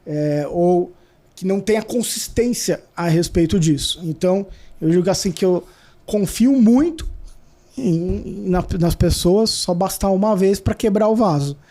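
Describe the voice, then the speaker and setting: High, mellow-voiced man talking haltingly. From Brazil. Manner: halting, many fillers and restarts, blunt; self-described hyperactive. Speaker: guest. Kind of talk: conversational interview answers.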